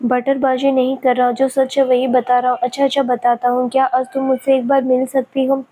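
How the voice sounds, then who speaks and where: A woman's voice: high-pitched, monotone, brisk, warm tone, low-quality recording. A woman reading the part of an affectionate, playful middle-aged man in a spoken family story, speaking in a coaxing way.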